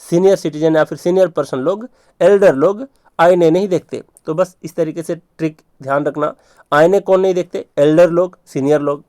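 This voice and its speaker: A man's voice: fairly high pitch, normal speed, darkish tone, no room sound. A man teaching vocabulary tricks for exams, repeating points and checking in with rhetorical questions. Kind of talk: exam vocabulary lesson.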